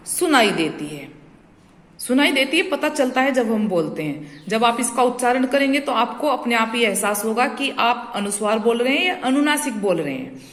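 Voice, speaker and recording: Lady teacher doing a grammar class, kinda high voice, lots of echo hanging in the room. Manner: explains patiently, drawing out example sounds and checking "clear?"; addresses students as "beta". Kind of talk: classroom-style grammar lesson. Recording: echoey room with long reverb.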